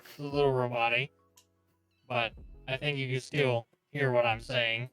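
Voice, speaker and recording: A man playing a tabletop game, talking casually through a robot voice filter, relaxed and a bit hesitant. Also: mid-range voice, moderate pace, smooth, no echo, faint music behind. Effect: robot voice filter from a voice mixer.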